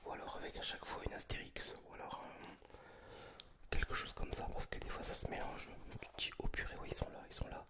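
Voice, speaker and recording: Man in a hushed library whisper. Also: a little fast. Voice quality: breathy, unvoiced whisper. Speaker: ASMR video creator. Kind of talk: whispered ASMR book chat.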